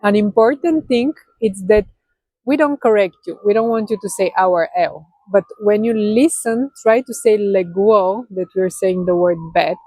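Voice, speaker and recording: A woman's voice: medium pitch, moderate pace, dark tone, no echo, rough recording. A woman from Bulgaria with a Bulgarian accent, teaching her language in English in an earnest explanatory style, often rephrasing and demonstrating sounds. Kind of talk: explanatory video lesson.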